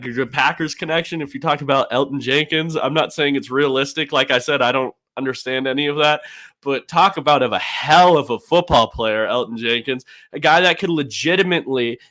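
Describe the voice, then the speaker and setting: A man's voice: medium pitch, fairly bright tone. A man co-hosting a sports podcast, talking enthusiastically and poking fun at himself. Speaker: podcast co-host. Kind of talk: casual sports talk.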